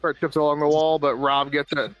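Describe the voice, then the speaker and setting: An American man calls an amateur floor hockey game play by play, rattling off passes and shots with the odd dry joke. His voice sits a little high for a man. Faint music plays underneath. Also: little pitch movement, dull audio. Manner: rapid running call of plays with dry asides. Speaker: play-by-play commentator. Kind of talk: amateur live sports commentary.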